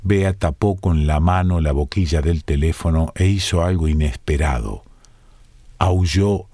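A male narrator with a Rioplatense accent reads an audiobook calmly and steadily. His voice sits very low and dark, and the sound is close and dry. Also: moderate pace, dry recording. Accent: Rioplatense Spanish.

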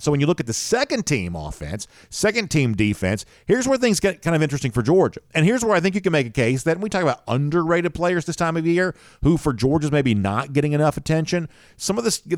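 A man's voice: mid-range voice, dry recording, studio quality. A man hosting a solo sports podcast, talking conversationally with fillers and self-corrections. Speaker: podcast host.

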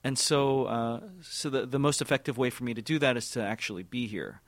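A man in his forties who serves as an orchestra's music director answers interview questions thoughtfully but haltingly, repeating words and using lots of fillers. His voice sits in the mid range, with no room sound.

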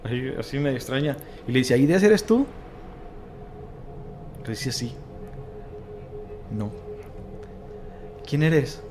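In this clip the Mexican-accented man slows down, pausing often, with a medium pitch and background noise behind him. He's a guest storyteller and paranormal content creator, narrating a paranormal tale in loose, slang-rich chat and animatedly acting out the voices he quotes.

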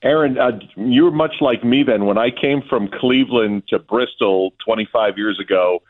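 Calling in remotely from an arena, a man who works as a play-by-play announcer offers casual sports analysis as a guest. His voice is medium in pitch at a moderate pace, coming through a narrow, tinny, phone-like line.

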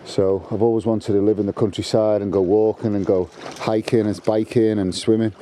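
Low-voiced man outdoors. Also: flat delivery, brisk, mellow, slight background noise. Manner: rambling, with frequent restarts and fillers. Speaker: guest contributor. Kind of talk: casual walk-and-talk monologue. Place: outdoors on a canal towpath. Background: birdsong.

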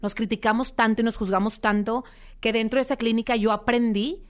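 A young woman appears as a podcast guest, telling her story in an interview and acting out the dialogue she quotes. Her voice is on the high side, fairly quick, with fairly even intonation.

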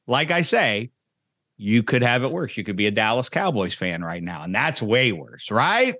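A man's voice: big pitch swings, normal speed, pushed and bright, dry recording, studio quality. A man hosting a sports talk show, joking and theatrical in casual chat. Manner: jokey, theatrical, big pitch swings. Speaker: radio show host.

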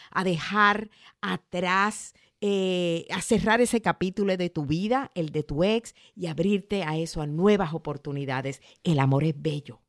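A woman hosts a motivational podcast in easy conversation. She is animated and slips into a high, mocking voice for quoted complaints. Her pitch sits in the middle. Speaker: podcast host.

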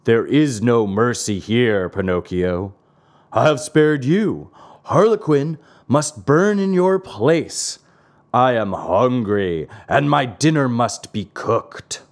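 A man voicing a huge, bearded, gruff but soft-hearted puppet master in a commanding, theatrical storybook style. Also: mid-range voice, lively intonation, slow pace. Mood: stern.

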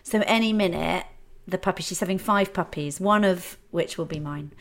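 A woman's voice: on the low side, normal speed. A middle-aged woman with a British accent, hosting a conversational interview in an earnest, reassuring way. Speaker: podcast host.

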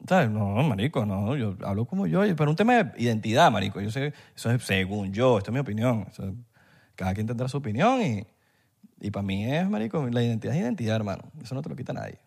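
Animated Venezuelan man, lively swooping pitch. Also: quick pace, gravelly. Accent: Venezuelan Spanish. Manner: animated, slangy, argumentative. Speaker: podcast co-host. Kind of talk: casual chat.

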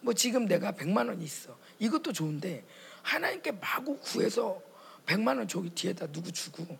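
A woman's voice: mid-range voice, normal speed, vocal fry, slightly rough. A middle-aged woman, a pastor's wife, preaching at a women's gathering and acting out her own prayers and conversations. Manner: animated, acts out her own prayers and dialogues.

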